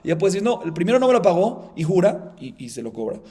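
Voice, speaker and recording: Rabbi teaching Talmud, quick and fairly high-voiced, repeats and restarts phrases, poses questions and answers them. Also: male voice, big pitch swings, dark tone, husky. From Colombia. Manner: explains by acting out both sides of a dispute; repetitive, restarts phrases, asks and answers himself. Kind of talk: Talmud class lecture.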